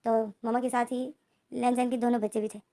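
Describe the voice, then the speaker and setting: Woman chatting through a story retelling, fillers everywhere, kinda high voice. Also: level tone, fairly quick, warm tone. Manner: chatty, many filler connectives. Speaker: story narrator.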